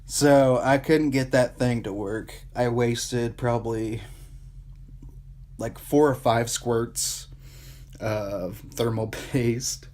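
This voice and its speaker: A man's voice: mid-range voice, fairly even intonation, slow pace, darkish tone. A tired young man vlogging his PC build, rambling casually, swearing often and poking fun at himself. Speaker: PC hobbyist vlogger. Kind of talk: casual off-the-cuff show-and-tell.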